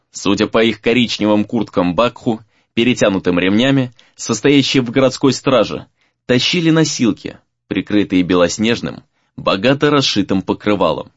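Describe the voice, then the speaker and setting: A man reading a fantasy novel aloud as narrator, in a measured reading with varied emphasis. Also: lowish voice, dry recording, muffled recording. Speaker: audiobook narrator.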